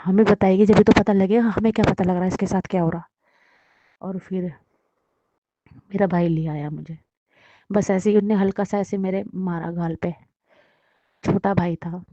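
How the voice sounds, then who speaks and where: Woman, personal testimony, flat delivery, dull lo-fi sound. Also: on the low side, no room sound. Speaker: devotee sharing a testimony.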